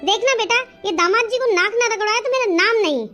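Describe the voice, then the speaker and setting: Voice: very high voice, fairly quick, music in the background. A voice actor playing a worried, doting middle-aged mother who coaxes and fusses in a comedy cartoon. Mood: indignant. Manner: fussing and coaxing.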